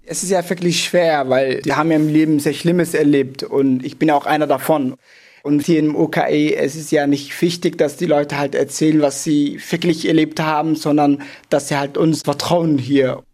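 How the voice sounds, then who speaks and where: A man's voice: fairly high pitch, fairly even intonation, normal speed, darkish tone. Young man speaking hesitant German. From Somalia. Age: 20s. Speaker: interviewee, former refugee. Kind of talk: interview answers.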